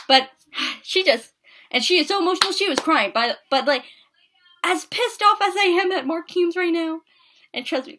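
A woman's voice: high-pitched, pushed and bright. A woman giving a casual, rambling episode recap, swearing and emotional, with many restarts. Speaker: podcast recap reviewer.

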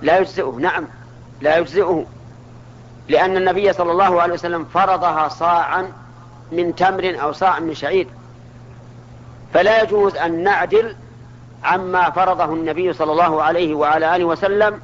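A man's voice: sits high, fairly even intonation, brisk, pauses often, a little hiss or hum. A man teaching a religious lesson, asking his listeners questions and answering them himself. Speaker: Islamic scholar teaching. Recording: dull lo-fi archival recording.

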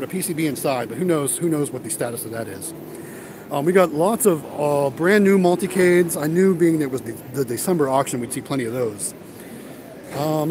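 Over a noisy background, this vending business vlogger talks in a voice on the high side. He chats away with his livestream audience, addressing them as "guys," while touring a big warehouse auction.

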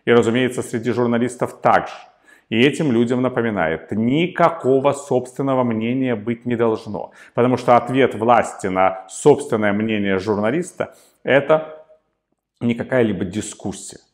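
A man delivering a solo political commentary in a measured way, pausing often with hesitation fillers. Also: medium pitch.

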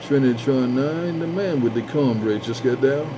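A man's voice: medium pitch, moderate pace. A man chatting over a CB radio, repeating his call-outs and drawling his sign-offs. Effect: CB radio transmission. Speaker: CB radio operator. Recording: dull lo-fi radio with static hiss.

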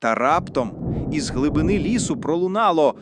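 A man narrating a children's fairy tale with lively storytelling. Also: fairly high pitch, normal speed, heavy background noise. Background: music.

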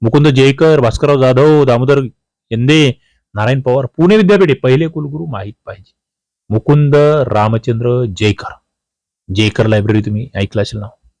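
A man with a Maharashtrian accent, his voice medium-pitched and a little mellow, leads students through a history quiz for exam preparation at a moderate pace. There's no echo on the recording. He addresses the class emphatically, going over important questions and answers again with informal asides.

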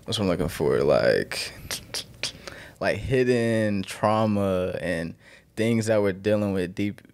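Casting: deep-voiced man, slangy and encouraging co-host, casual faith chat. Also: expressive, takes it slowly, gravelly, a little mellow. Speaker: podcast co-host.

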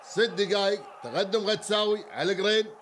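A man with a Kuwaiti Arabic accent giving live handball commentary, excitable and shouting often, repeating phrases again and again. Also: high voice, fairly quick, slight background noise.

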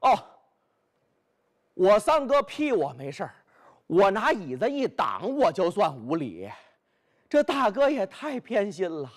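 A storyteller doing a proud, aggrieved young hero. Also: male voice, high-pitched, wildly swooping pitch, measured pace, pauses often, heavily acted. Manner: plaintive, accusing.

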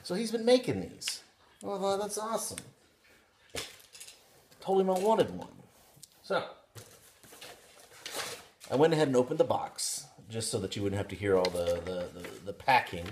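A man in his thirties chatting casually on his living room couch, showing off pipe bowls with excited, rambling talk full of restarts. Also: medium pitch, a little slow, long pauses, slight background noise. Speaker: pipe hobby vlogger. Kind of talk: casual unboxing vlog.

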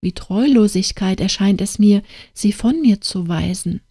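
A woman voicing a dreamy, pleading young woman in an audiobook tale, speaking softly and imploringly. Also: mid-range voice, unhurried, husky, no echo, studio quality. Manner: soft, imploring.

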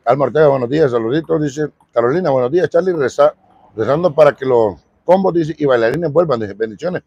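A fairly high-voiced man with a Salvadoran Spanish accent talks to his viewers on a street livestream, chatty and upbeat. His voice is a bit husky and sounds dry and close, as if from a phone held in his hand. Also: fast talker, dry recording, lo-fi sound. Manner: chatty, greets viewers by name, lively swings in pitch. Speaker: livestream vlogger. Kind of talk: casual live street stream. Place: outdoors on a city street.

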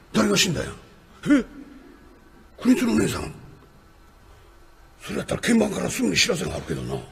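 A man's voice: high voice, vocal fry, husky, exaggerated voice. A man voicing a chirpy, fawning male jester entertainer who chatters effusively in Osaka dialect. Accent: Kamigata Osaka dialect.

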